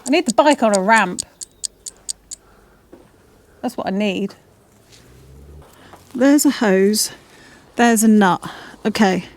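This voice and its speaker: Speaking slowly with long pauses, a medium-pitched woman vlogs from her home garage as she works on her motorbike. The motovlogger keeps up casual, self-deprecating chat and reads instructions aloud.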